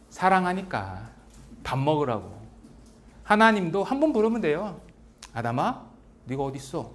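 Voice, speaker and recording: A male pastor preaching at a revival meeting with a high, lively voice that climbs and drops all over the place. He keeps firing rhetorical questions at the congregation and slips into character voices to act out the story. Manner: animated, asks the listeners many rhetorical questions; dramatizes quotes in character voices.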